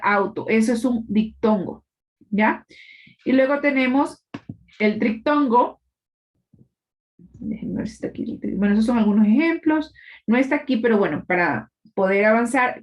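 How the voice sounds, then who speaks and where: Female teacher on a video call, explanatory lecture style, muffled lo-fi mic. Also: a little high. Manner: explanatory, checks in with tag questions. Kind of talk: live online class lecture.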